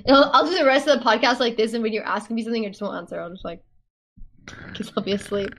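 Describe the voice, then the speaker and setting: A woman's voice: on the high side, fast talker, a little hiss or hum. A woman co-hosting a casual podcast chat late at night, sleepy and yawning, gushing and giggly as she talks. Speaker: podcast co-host.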